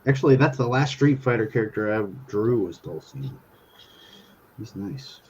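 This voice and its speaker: A man's voice: fairly low pitch, sing-song, normal speed, a little mellow, breathy edge, lo-fi sound. A man co-hosting a drawing talk show, chatting casually and teasing in joking banter. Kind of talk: casual chat while drawing.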